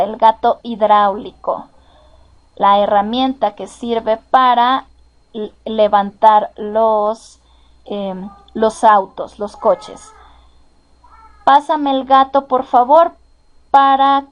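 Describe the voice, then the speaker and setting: A woman with a Mexican accent giving a slow, careful lesson, patiently repeating each example sentence. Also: a little high, muffled recording. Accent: Mexican Spanish. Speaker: teacher. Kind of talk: slow, careful classroom explanation.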